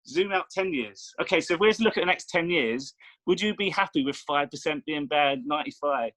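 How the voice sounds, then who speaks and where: A man's voice: a little high, animated, fairly quick, fairly bright tone, no room sound, rough recording. A man, a meditation coach, explaining his ideas persuasively in casual conversation. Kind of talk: casual chat.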